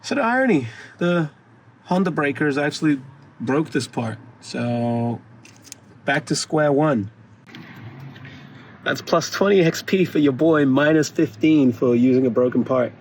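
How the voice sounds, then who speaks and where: A man's voice: fairly high pitch, animated, unhurried, long pauses, slight background noise. A man filming himself repairing his car, talking casually and joking at his own expense, swearing often. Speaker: DIY car vlogger. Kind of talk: casual self-filmed repair commentary. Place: working on a car, on the floor.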